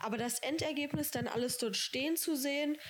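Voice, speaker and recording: An eighteen-year-old woman talks with easy enthusiasm and casual slang. Her voice sits fairly high, with faint clicks and noise behind it. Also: brisk. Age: young adult. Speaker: apprentice guest. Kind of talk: casual chat.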